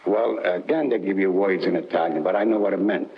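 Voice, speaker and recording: A man with a New York accent testifying at a hearing, explaining things in a halting, plain-spoken way. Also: deep voice. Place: large hearing room. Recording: echoey, dull 1960s hearing-room recording.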